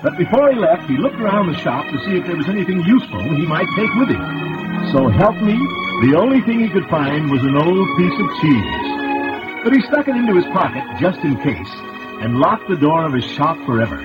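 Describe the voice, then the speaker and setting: A man tells a children's tale in a folksy, chatty way, chuckling at his own asides. His voice sits a bit high and swoops widely in pitch. It comes through a very old, dull recording with loud music under it. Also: very animated, brisk. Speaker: storyteller. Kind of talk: children's story narration.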